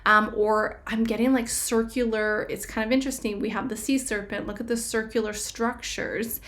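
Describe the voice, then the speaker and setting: A woman's voice: fairly high pitch, steady tone, normal speed, a bit bright. Woman musing through a tarot reading. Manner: rambling, self-correcting, intuitive musing. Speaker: tarot reader. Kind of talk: casual spiritual prediction reading.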